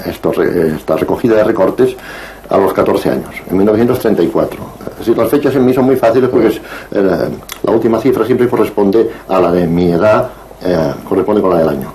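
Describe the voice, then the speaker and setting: A man in his sixties from Barcelona, Spain, reflects on his memories as an interview guest, speaking slowly in a low, mellow voice. His measured, digressive talk is full of hesitations as he pauses and restarts to find words, on a low-quality recording with a faint hiss behind it.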